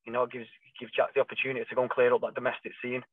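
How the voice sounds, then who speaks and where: A thin, dry, phone-like line carries a man talking as a boxing trainer. He speaks quickly and emphatically, in a casual, conversational interview style. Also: mid-range voice, monotone, no room sound.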